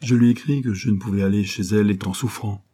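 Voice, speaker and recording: A man's voice: on the low side, steady tone, fast, mellow, natural voice. A man reading a novel aloud, voicing a vain and smug young man who boasts in a sneering way. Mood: boastful.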